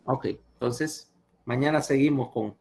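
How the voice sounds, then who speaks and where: Brief: conversational male lecturer with a mid pitch, over a video call link. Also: unhurried, darkish tone, slight background noise. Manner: chatty, asks listeners questions. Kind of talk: online lecture with anecdotes.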